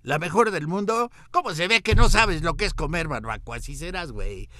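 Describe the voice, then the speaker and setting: A man's voice: a little high, expressive, brisk, sharp tone, pitched above the performer's own voice. A man voicing a bossy, know-it-all male diner who mocks and scolds. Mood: scornful. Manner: scolding, mocking.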